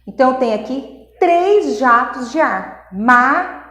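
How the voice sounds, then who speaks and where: Lively teacher woman in an echoey room. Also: high voice. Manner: explains patiently, checks in with "tá?" and "ok?"; sounds out syllables and vowels slowly. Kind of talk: recorded grammar lesson.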